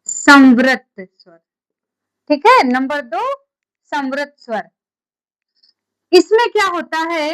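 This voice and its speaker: A woman with a high voice gives a classroom lecture at an unhurried pace. She repeats each key term slowly and keeps asking her students questions. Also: a bit bright, low-quality recording. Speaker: teacher.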